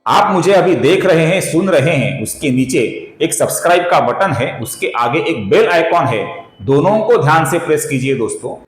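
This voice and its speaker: A man teaching the correct pronunciation of a Sanskrit verse in a slow, careful recitation lesson, breaking words down syllable by syllable and chanting the lines, often calling his listeners friends. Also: on the high side, expressive, reverberant. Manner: addresses viewers as friends.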